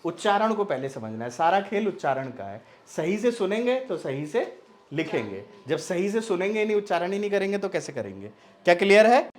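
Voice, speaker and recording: A male teacher giving a spoken language lesson, asking questions and answering them himself, repeating words slowly and drawing out their nasal sounds, often checking whether it is clear. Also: high-pitched, big pitch swings.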